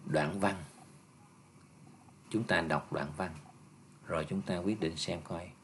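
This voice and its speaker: A male teacher with a low voice patiently reviews an English exam with his students, explaining it step by step and often saying "nha" and "nè". There's a little hiss or hum.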